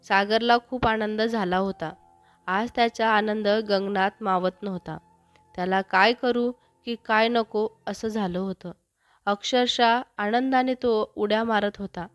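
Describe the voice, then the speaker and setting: A woman storyteller reading a romantic story aloud in a steady, even scripted narration. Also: medium pitch, unhurried, no room sound, soft background music.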